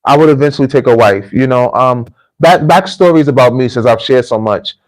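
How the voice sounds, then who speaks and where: A mid-range, slightly fast voice belongs to this American man running a casual livestream, where he addresses viewers, tells anecdotes, and repeats phrases for emphasis. He's a livestream host and repatriation coach, and the recording sounds rough.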